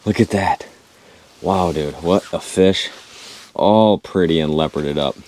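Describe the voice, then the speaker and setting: Male fishing vlogger, thirties, very low voice, excitable play-by-play, action-cam audio with faint hiss. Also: slow pace. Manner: excitable, talks to viewers while reeling in fish. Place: inside an ice-fishing tent. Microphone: action camera mic.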